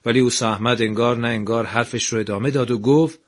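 A man narrating a scripted radio story in an even, measured way. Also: mid-range voice.

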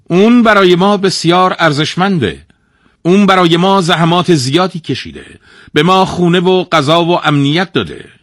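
Storybook role: a devoted, simple gate guard speaking up high and loud, as a male narrator puts him on. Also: no room sound, clean studio sound. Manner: earnest, praising, raised voice. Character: humble loyal male city gate guard.

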